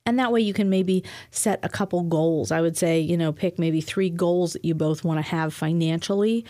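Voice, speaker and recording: A woman with a lowish voice explains advice in an earnest, steady way, restarting phrases now and then. The sound is dry and close, with no room behind it. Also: moderate pace, no echo. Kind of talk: casual conversation.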